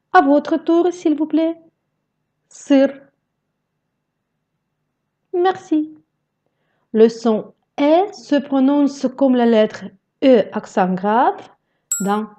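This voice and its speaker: Woman, pronunciation lesson, very slow careful delivery, slightly high voice. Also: mellow, muffled recording. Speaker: Russian language teacher.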